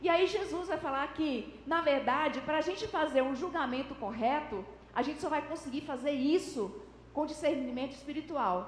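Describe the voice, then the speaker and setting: A woman delivers a sermon in a high voice, explaining scripture step by step. She acts out small everyday examples, shifting her intonation to make a point. The sound is roomy, with a long hall reverb and faint noise behind. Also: normal speed. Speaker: preacher. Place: church hall.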